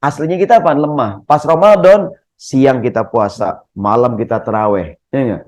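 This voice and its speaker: A man's voice: medium pitch, normal speed. A middle-aged man, giving a humorous Ramadan sermon in a mosque and keeping the audience involved with questions. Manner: lively, jokey, keeps asking the audience questions. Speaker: preacher.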